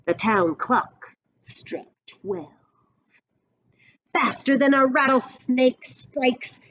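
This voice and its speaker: Reading a picture book aloud, a middle-aged woman with a fairly high voice performs expressively, using dramatic pauses and stopping to explain things. The audio is poor.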